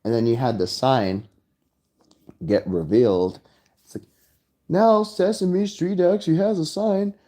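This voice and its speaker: A man's voice: on the high side, a little slow, pauses often, dark tone. A man talking in a rambling solo monologue, drifting between thoughts and slipping into quoted lines. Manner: rambling, breaks into sung lyrics and put-on quotes.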